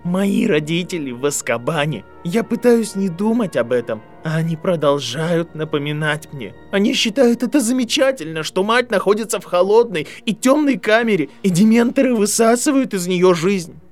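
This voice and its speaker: A man reading an audiobook, voicing a desperate boy whose voice trembles as he pleads and shouts. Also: high voice, animated, moderate pace, hardly any pauses, faint music behind, voice pushed up. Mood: bitter. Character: desperate boy, son of prisoners.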